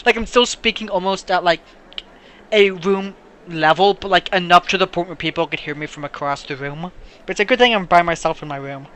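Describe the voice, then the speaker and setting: A man's voice: high-pitched, fairly quick, a bit bright, clean tone. A man hosting a let's play from his bedroom, chatting casually and rambling with frequent swearing. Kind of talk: casual gameplay chat. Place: own bedroom.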